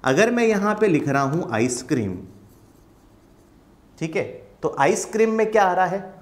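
A man's voice: high voice, sing-song, unhurried. A young Indian man teaching English grammar in an online class, patient and reassuring, asking questions and then answering them himself.

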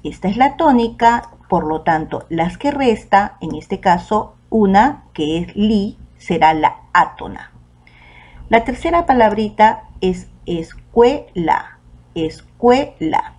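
A woman teacher with a Peruvian Spanish accent, giving a recorded online lesson to children and saying the example words out slowly and clearly. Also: medium pitch, lively intonation, darkish tone. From Peru.

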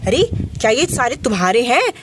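A woman with a high voice narrates a toy play session. She is animated and bossy, and she repeats her commands over and over. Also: normal speed, noisy background. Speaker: toy video host.

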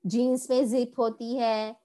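A young woman with an Indian English accent teaching a kindergarten class online, explaining slowly and switching between Hindi and English. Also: a little high, little pitch movement, warm tone. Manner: slow, drawn-out explaining, mixing Hindi and English.

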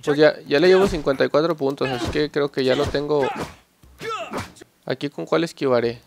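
A young man giving excited, joking gameplay commentary and swearing at his opponents. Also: fairly high pitch, moderate pace, creaky, noisy background. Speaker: gameplay channel host.

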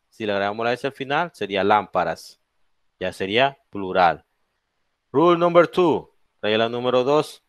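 A male English teacher with a Latin American Spanish accent walks a class through plural rules, switching between English and Spanish. He speaks slowly and spells out letters one at a time. His voice is smooth and resonant and sits close and dry on the mic. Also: medium pitch, pushed and bright, dry recording. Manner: explains each rule in English then repeats it in Spanish, checking with "¿ok?" and "¿ya?"; slow, drawn-out spelling of letters and example words. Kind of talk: bilingual classroom lesson.

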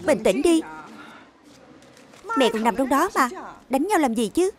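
High-voiced woman reading a one-voice dub. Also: unhurried, a crowd in the background. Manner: even, plain reading of every role. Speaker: voice-over dubbing narrator. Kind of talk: single-voice dub reading of a drama. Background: drama soundtrack music.

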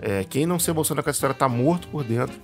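Guy hosting his channel, laid back rambling commentary, mid pitch voice, soft guitar music behind. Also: very fast. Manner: relaxed and chatty, repeats words while searching for them. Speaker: channel host. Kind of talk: casual spoken commentary to camera. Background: faint guitar music.

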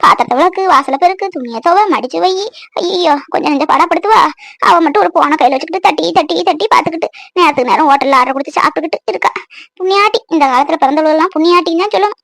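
A woman's voice: very high-pitched, rapid-fire, fairly bright tone, dry recording. A woman voicing a grumbling old village woman. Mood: lamenting. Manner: lamenting, scolding, moralizing. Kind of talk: cartoon voice acting.

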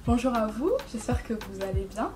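A woman in her twenties from French Guiana and Brazil, a guest explaining her path in earnest, seated in a bright room. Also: a little high, normal speed, over music. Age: 20s. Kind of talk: casual interview chat.

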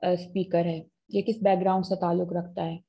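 Husky woman lecturing online. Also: fairly low pitch, flat delivery, a little fast, muffled recording. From Pakistan. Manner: mixes English phrases into Urdu, asks students questions. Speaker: university lecturer. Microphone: video call.

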